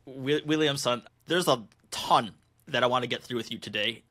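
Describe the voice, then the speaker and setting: Bright-voiced American man hosting. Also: medium pitch. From United States. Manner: chatty, rambling, with restarts. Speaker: podcast host. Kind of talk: conversational interview.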